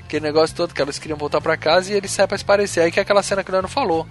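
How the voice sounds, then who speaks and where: A Brazilian man recounts a film in relaxed chat, his voice pitched high and quick. He acts out the characters' lines, swears freely and laughs along, with faint music underneath. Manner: lively retelling, acting out quotes, swearing and laughing. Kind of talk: casual film recap chat.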